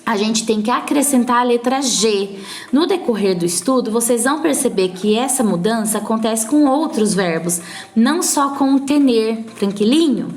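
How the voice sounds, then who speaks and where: A woman with a Brazilian Portuguese accent, teaching a recorded Spanish class and explaining patiently step by step, often checking that her students follow. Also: on the high side. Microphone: phone screen recording.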